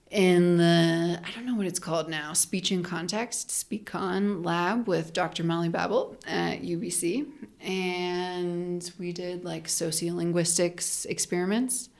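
A young adult woman with a fairly low, creaky voice is a linguist guest on a podcast. She explains ideas in a casual, chatty way, leaning heavily on "like" and laughing as she talks.

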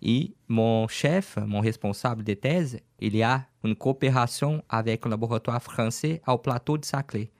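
A man's voice: medium pitch, normal speed, hardly any pauses, no echo, clean studio sound. A Brazilian man, native Portuguese speaker, speaking French with a Brazilian accent as a radio interview guest, a little hesitant and searching for words. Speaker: guest, business owner.

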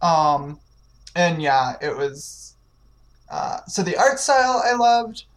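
Low-voiced lady cohost, easygoing, mostly agrees and chimes in. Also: sing-song, slow pace. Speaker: podcast co-host. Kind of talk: casual chat.

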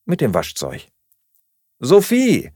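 A man voicing a skeptical, sharp-tongued woman flatmate who questions everything in a dry, doubting manner. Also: on the low side, moderate pace, no room sound.

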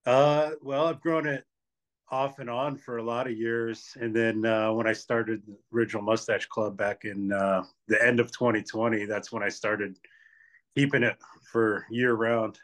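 A man's voice: fairly low pitch, flat delivery, normal speed, a bit bright. Easygoing man, podcast guest. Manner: easygoing, brief agreeing replies. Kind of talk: casual interview chat.

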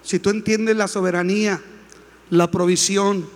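A male pastor preaching a sermon, building to shouts and calling on the congregation to respond. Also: sits high, fairly even intonation, unhurried. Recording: long hall reverb.

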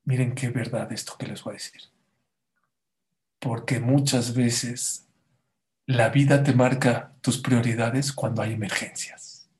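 A man preaching a sermon to a congregation, dramatic, dropping to a hush and then rising loud as he acts out the people in his stories. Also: medium pitch, fairly even intonation, unhurried. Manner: dramatic, swings from hushed to loud, acts out quotes.

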